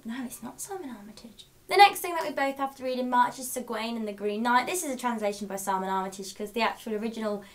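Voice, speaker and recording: A young woman chatting casually as a book vlogger, bubbly and quick to laugh. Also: on the high side. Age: young adult. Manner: bubbly, laughs often, trails off. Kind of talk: casual chat.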